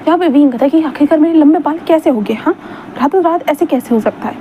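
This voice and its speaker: A woman's voice: high-pitched, fast, warm tone. A woman retelling a fan fiction story in a chatty, casual way, repeating filler words. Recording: dull lo-fi sound, faint hum.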